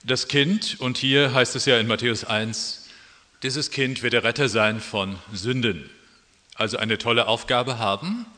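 Prediger mit hellem Klang im Hall. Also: male voice, medium pitch, sharp tone. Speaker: preacher. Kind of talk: sermon.

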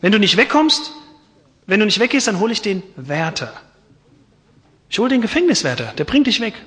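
A man voicing a defiant young male convict on death row, shouting angrily, with a long hall reverb. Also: sits high, expressive, moderate pace, voice pushed up. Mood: angry. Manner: shouting, hostile.

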